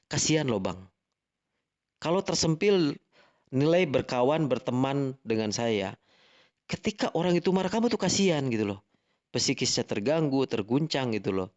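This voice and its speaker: A man's voice: mid-range voice, expressive, moderate pace, a little mellow, lo-fi sound. A man with an Indonesian accent arguing heatedly in an online voice chat, lecturing and repeating himself. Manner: angry, lecturing, repetitive "gitu loh". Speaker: live-stream voice chat participant.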